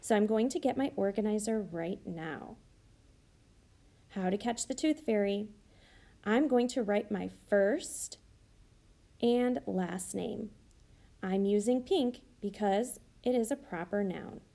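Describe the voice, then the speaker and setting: A woman teacher slowly modeling how to write sentences for young children, thinking aloud and sounding out each word. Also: medium pitch, gravelly, mellow. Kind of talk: slow modeled writing demonstration.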